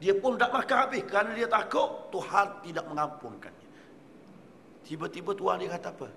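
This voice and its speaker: Man, animated storytelling sermon, high-ish bright voice, echoing prayer hall, faint background noise. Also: fairly quick, gravelly. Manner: animated, joking with the audience. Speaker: religious teacher.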